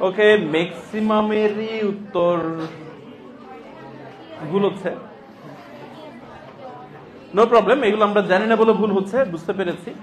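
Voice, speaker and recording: A male teacher lectures a classroom in a slightly high voice. He explains by posing questions to the class and answering them himself, slipping in jokes now and then. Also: steady tone, normal speed, long pauses, some chatter behind. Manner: explains by asking and answering his own questions, joking.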